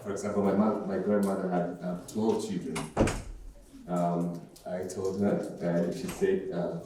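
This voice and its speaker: A man from Tanzania sharing in a conference group discussion, hesitant with many pauses and fillers. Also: deep voice, flat delivery, noisy background. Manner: hesitant, many ums and uhs. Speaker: conference participant. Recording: echoey hall, far from mic.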